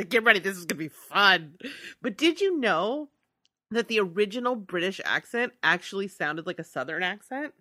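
A woman's voice: mid-range voice, expressive, moderate pace, bright, forceful tone, no echo. A woman co-hosting a horror podcast, laid-back, agreeing often and laughing easily. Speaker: podcast co-host. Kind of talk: casual movie review chat.

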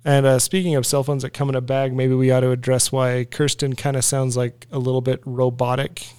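A man's voice: medium pitch, flat delivery, a little fast, a little mellow, clean tone, soft background music. Folksy man hosting a podcast. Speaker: podcast host. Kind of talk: casual podcast chat.

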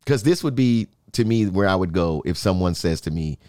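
A man's voice: low-pitched, expressive, normal speed, a little mellow, no room sound, clean studio sound. A man co-hosting a sports talk show, speaking emphatically and often checking in with "right?". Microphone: in-ear monitor, studio.

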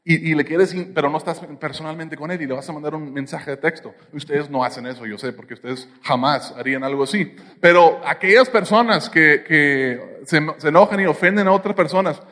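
A man's voice: a little high, brisk, fairly bright tone, in a large hall. A man with a Mexican accent preaching a sermon, with playful jokes and asides to the congregation. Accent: Mexican Spanish. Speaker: pastor.

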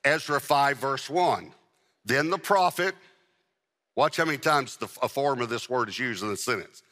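A male pastor delivers a sermon in a forceful, bright voice, stretching and repeating the words he wants to land. His voice rings out with a long hall reverb, and now and then he turns to the congregation to check that they follow. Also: mid-range voice, animated, moderate pace. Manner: addresses a live congregation. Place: church with a congregation.

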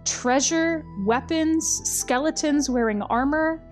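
A woman's voice: high voice, takes it slowly. Lady casually recapping a plot, wry, lots of ums, faint music underneath. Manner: chatty and wry, with frequent ums and uhs.

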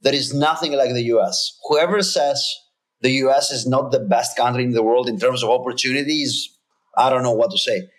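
In this relaxed interview, a male guest in his thirties, a company founder originally from Greece, speaks at normal speed with a medium pitch. His delivery is earnest and emphatic, and he often starts his sentences over.

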